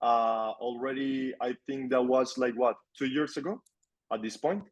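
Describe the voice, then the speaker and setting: The speaker is a young adult Colombian man, an agency owner appearing as a guest in a casual interview. His voice sits at medium pitch with a moderate pace, and he stays relaxed while repeating words for emphasis.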